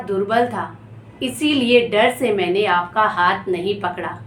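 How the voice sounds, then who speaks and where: A woman's voice: mid-range voice, a bit bright, lightly acted. A woman storyteller voicing a timid, trusting male disciple in an earnest, confessional way. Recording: echoey room, faint background noise.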